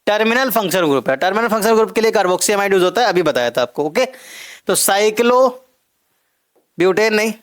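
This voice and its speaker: High-voiced male chemistry teacher. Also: expressive, fairly quick. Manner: explains step by step, repeats key terms, quizzes students. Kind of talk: recorded classroom lecture.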